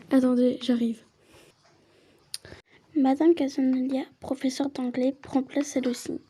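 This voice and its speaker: A woman reads a story game aloud, moving easily between first-person narration and chatty side comments. Her voice is high but very mellow and warm, with no edge to it. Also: flat delivery, takes it slowly, pauses often, husky. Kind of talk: casual playthrough with read-aloud narration.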